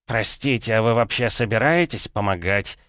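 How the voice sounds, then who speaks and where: Man reading a corrupt middle-aged minister, indignant, stammering, smooth low voice. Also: normal speed, a bit bright, dry recording, clean studio sound, close to an everyday voice. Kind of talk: audiobook character reading.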